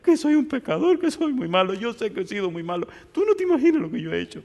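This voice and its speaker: Here is a preacher putting on a young man breaking down in loud, high, wailing sobs. He is overwhelmed and repentant, and his cries ring out over long church reverb. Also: expressive, a little fast, muffled recording. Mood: sobbing.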